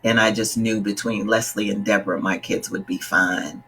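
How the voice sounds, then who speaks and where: A woman's voice: a bass voice, fairly even intonation, moderate pace, fairly bright tone, slight background noise. A middle-aged woman from the Bahamas, a life coach talking casually to her live-stream viewers in an earnest, direct way and greeting them by name. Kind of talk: casual livestream talk.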